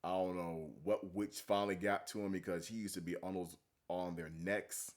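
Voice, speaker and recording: A man's voice: deep voice, flat delivery, normal speed. A man giving casual, blunt, profane reaction commentary as he preaches about scripture. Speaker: commentary video host.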